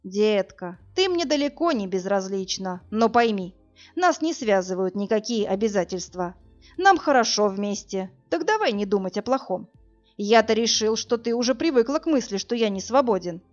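A woman voicing a cold, pragmatic wealthy married businessman in an audiobook, speaking in a dry, calm, lecturing way. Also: medium pitch, normal speed, lightly acted. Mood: soothing. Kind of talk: audiobook character reading. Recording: dull lo-fi audio with faint music.

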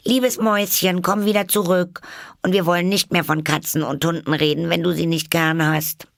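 A chattering, curious little girl, as a man reading aloud puts her on, eager and quick to apologize. The storybook voice rises high above the reader's own low register and swoops widely. Underneath it keeps a raspy, gravelly edge. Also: sing-song, fairly bright tone, dry recording, studio quality, exaggerated voice.

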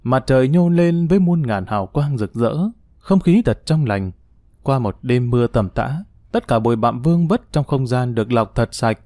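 A man reads a romance novel aloud as an audiobook, keeping a steady storytelling pace. His voice sits in a middle pitch. The recording is dry and close, with no room sound. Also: moderate pace, dry recording. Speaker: narrator. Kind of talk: audiobook narration.

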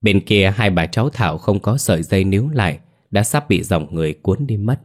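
A man narrating a dramatic story in a steady, measured reading. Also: lowish voice. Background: faint music.

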